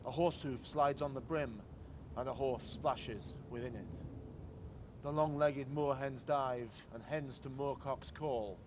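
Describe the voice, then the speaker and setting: A man reads verse aloud in a city square, surrounded by distinct traffic and street sounds. He speaks at a mid-range male pitch with a steady tone, shaping each line deliberately and declaiming it as someone would at a public memorial event.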